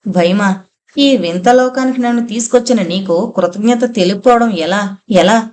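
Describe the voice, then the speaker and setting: A woman's voice: mid-range voice, moderate pace, a little mellow, natural voice. A woman narrator voicing an entranced, lovesick young man in an audio novel, speaking in a plaintive, pleading way.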